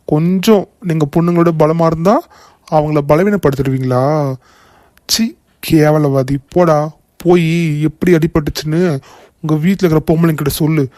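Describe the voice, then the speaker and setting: A performer voicing a protective young male hero in a cartoon, stern with enemies and gentle with the woman he protects. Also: medium pitch, dry recording, close to an everyday voice. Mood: scornful. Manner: stern threatening, then gentle and soothing. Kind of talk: cartoon voice acting.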